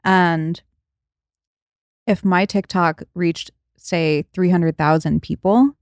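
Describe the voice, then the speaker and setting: A woman's voice: lowish voice, fairly even intonation, slow pace, darkish tone, dry recording, clean studio sound. A woman in her late thirties hosting a podcast, chatting casually, laughing often and trailing off mid-thought. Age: 30s. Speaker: podcast host. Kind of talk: casual chat.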